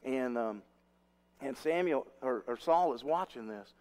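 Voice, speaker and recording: A man preaching a sermon in a relaxed, rambling way, with many restarts and side stories. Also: mid-range voice, measured pace.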